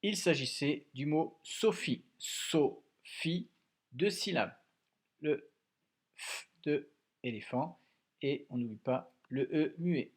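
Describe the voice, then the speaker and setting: A man teaching young children a dictation lesson at home, slowly and patiently spelling out syllables and sounds. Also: fairly high pitch. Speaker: primary school teacher.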